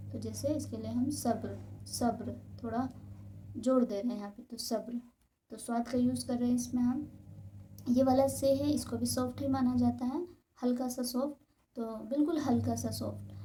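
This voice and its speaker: A woman's voice: a little high, warm tone, slight background noise. A woman teaching beginners the alphabet, patiently repeating each example word. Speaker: Urdu teacher. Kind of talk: beginner's Urdu alphabet lesson.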